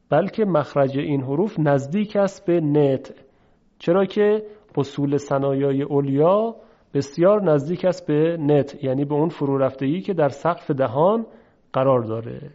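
A man's voice: fairly high pitch, dark tone, dull audio. A man teaching Quran recitation in a recorded pronunciation lesson, explaining patiently and repeating sounds for practice.

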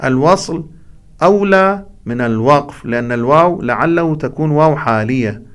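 Guy teaching recitation, slightly high voice, explains then chants bits as examples. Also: expressive, moderate pace, clean tone. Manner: didactic, breaks off to chant short examples.

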